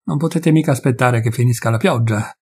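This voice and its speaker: A man voicing a stern, curt forest warden with a husky voice. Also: mid-range voice, fairly quick, a little mellow. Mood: gruff. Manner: curt, gruff.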